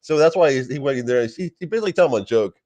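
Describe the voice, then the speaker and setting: A man's voice: medium pitch, expressive, rapid-fire, darkish tone. A man in a casual vlog, rambling through a Bible passage while eating and repeating words. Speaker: vlogger.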